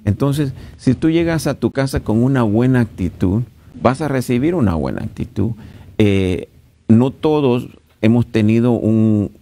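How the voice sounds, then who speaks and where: Earnest and addressing his audience directly, a middle-aged pastor with a Central American accent preaches in a conversational way at a marriage retreat. He speaks a little slowly in a mid-range, expressive, mellow voice.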